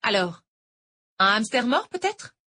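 A woman voicing a moody, bitter female math tutor in an audiobook, talking with a sharp, mock-cheerful edge. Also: fairly high pitch, sing-song, a little slow, voice pushed up, exaggerated voice. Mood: brooding.

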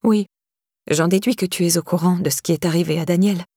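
A frail, kindly old lady who talks in a gentle, chatty way and frets easily, as a woman reads her in an audiobook. The voice sits a little higher than the reader's own. The recording is dry and close. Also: fairly even intonation, fairly quick, husky, no echo. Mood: sober. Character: old woman, frail and fretful but kind. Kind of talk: audiobook character reading.

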